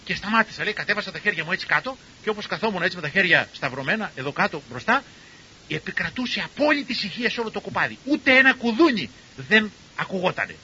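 An older man, a cardiologist, tells stories to an audience in a lively way and acts out the people he quotes. His voice is husky. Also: sits high, lo-fi sound, a little hiss or hum. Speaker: cardiologist and university professor giving a talk. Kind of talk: storytelling talk to an audience.

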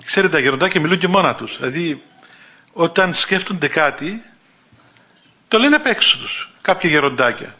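A man's voice: a little high, animated, long pauses, sharp tone. A man preaching a sermon in a conversational storytelling manner, acting out the voices of the people in his stories. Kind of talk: sermon with anecdotes. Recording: dull lo-fi recording.

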